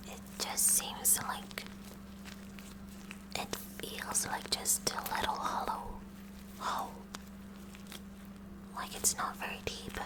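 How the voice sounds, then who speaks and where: For an ASMR roleplay, a woman voices a kooky, curious high school science club president, speaking in a halting, excitable, breathy whisper. Her voice is natural and her mood nervously probing. The recording is rough.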